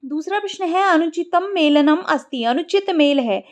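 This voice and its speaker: A woman's voice: extremely high pitch, lively intonation, normal speed. A woman teaching Sanskrit exam questions in speech, patiently repeating words to model their pronunciation. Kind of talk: exam-prep lesson.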